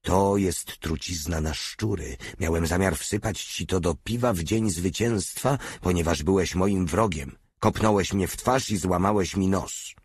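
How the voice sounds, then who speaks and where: A simple-minded, hulking male soldier, childlike and fearful, as an audiobook reader gives him voice. He calls himself by name instead of saying I, in a low, husky voice. The sound is dry and close. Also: unhurried, few pauses, no echo. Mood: pleading. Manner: talks of himself in the third person. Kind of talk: audiobook character reading.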